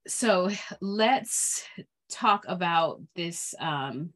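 Casting: middle-aged woman, low voice, relaxed chatty co-host, reflective with frequent laughs. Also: extremely slow. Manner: reflective, laughs often, loses her thread. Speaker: podcast co-host. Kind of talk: casual chat.

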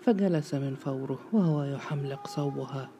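A man narrating a novel as an audiobook in a steady, measured way. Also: mid-range voice, slight background noise. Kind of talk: scripted narration.

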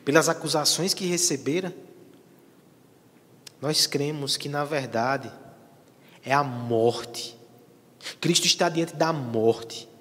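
A man preaching a sermon dramatically, swinging from booming emphasis to hushed tones. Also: slow pace, long pauses. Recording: long hall reverb.

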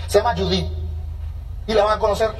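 A man speaking at a business seminar in an energetic, motivational way, acting out little dialogues as he goes. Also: high voice, fairly quick, far from the mic. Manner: energetic, acts out dialogues with changing voices.

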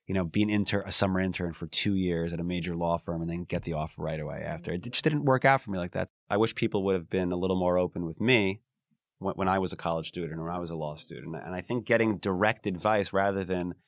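With a deep voice and a fast delivery, an American man who works as a lawyer reflects on his career in a casual interview. He is earnest, often restarts sentences, and sprinkles in "you know" asides; the recording is dry and studio quality.

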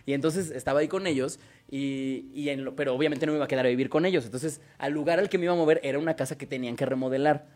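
Co-host, Mexican man, rapid-fire, slangy storyteller. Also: mid-range voice, steady tone, darkish tone. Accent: Mexican Spanish. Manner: fast slangy storytelling with swearing. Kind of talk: casual chat.

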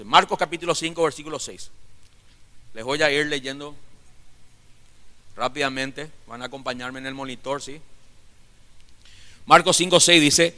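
A male pastor preaches a fervent sermon, addressing his listeners as brothers and sisters and firing off one rhetorical question after another. His bright, forceful voice sits a little high and echoes with the long reverb of a large church hall.

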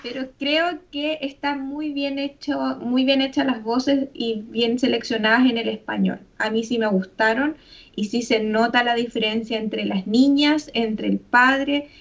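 A woman with a Chilean Spanish accent, co-hosting a casual film review chat in an easygoing, slightly hesitant way. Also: on the high side. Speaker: podcast co-host. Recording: dull lo-fi audio.

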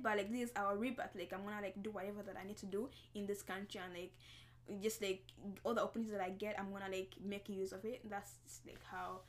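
A young woman from Congo, a podcast guest, chatting casually, laughing often and saying "like" a lot. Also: medium pitch. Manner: laughing often, heavy use of "like". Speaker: podcast guest, fashion designer. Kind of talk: casual interview chat.

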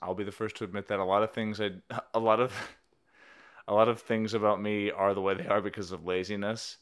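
A man's voice: on the low side, level tone, brisk, smooth. A man co-hosting a podcast, chatting casually with his wife in a dry, self-deprecating, rambling way. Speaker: podcast co-host.

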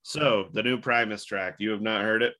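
A podcast host with a slightly low voice and a bright, forward tone talks in a loose, joking, rambling way. He is fighting a bad case of the hiccups as he chats. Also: steady tone, normal speed. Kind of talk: casual chat.

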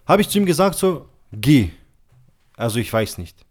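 A man's voice: a little high, big pitch swings, quick pace. Slangy young man, casual storyteller. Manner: slangy, fills every phrase with "so" and "Bro"; tells stories acting out quoted dialogue. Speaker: podcast host. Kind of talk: casual chat.

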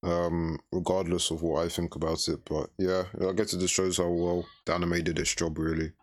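A man's voice: deep voice, flat delivery, a little fast. A man, co-hosting a podcast in casual chat. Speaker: podcast co-host.

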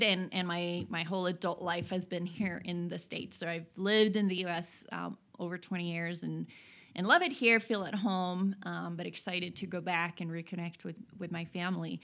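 A woman's voice: fairly low pitch, pushed and bright. A woman in her forties from Norway, a guest telling her career story in an interview, thoughtful with frequent fillers. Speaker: guest, consultant. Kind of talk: conversational interview.

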